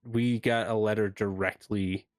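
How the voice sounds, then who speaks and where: A man's voice: fairly low pitch, steady tone, no room sound, clean studio sound. Hesitant man running a tabletop game. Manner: hesitant, halting. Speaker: game master of a tabletop role-playing game. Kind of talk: improvised narration and in-character dialogue.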